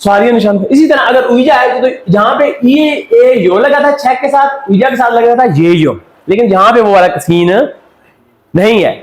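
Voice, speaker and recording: Man, teacher from Pakistan, classroom lecture, call-and-response drilling, fairly high voice, echoey room. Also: normal speed. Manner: drills the class with repeated questions and answers. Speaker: Korean language teacher.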